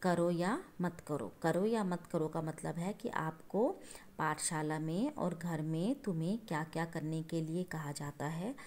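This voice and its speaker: A woman's voice: low-pitched, a little slow, a little mellow. Woman teacher patiently explaining to children. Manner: patient, repetitive explaining with frequent checking asides; addresses listeners as children. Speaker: schoolteacher. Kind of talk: explaining a poem to young children.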